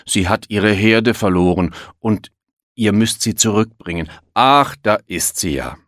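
A man doing a slow old grandfather elephant. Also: on the low side, a bit bright, dry recording, studio quality. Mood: gentle. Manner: slow, murmuring.

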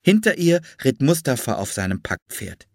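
A man narrating a children's audiobook with an expressive storytelling cadence. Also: medium pitch, moderate pace, dry recording, studio quality. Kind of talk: scripted narration.

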